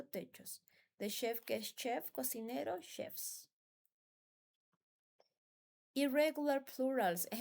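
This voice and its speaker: A woman's voice: mid-range voice, gravelly, a little mellow. A woman who speaks natively in her English, patiently teaching English grammar and often asking for agreement. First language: Spanish. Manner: patient, repeats words and asks "¿no?" for agreement. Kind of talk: classroom explanation.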